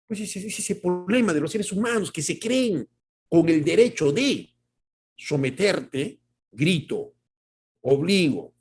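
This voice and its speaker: A man's voice: high voice, very animated, slow pace, darkish tone, a little hiss or hum. A man preaching a sermon as pastor, talking emphatically and directly to the congregation with many rhetorical questions.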